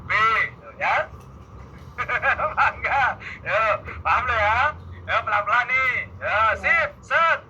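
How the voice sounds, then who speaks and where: Guy teaching math, high bright voice, joking around w students, kinda muffled recording. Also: lively intonation, a little hiss or hum. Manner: playful, teasing, quick back-and-forth with students. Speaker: math tutor. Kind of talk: energetic exam-prep lesson.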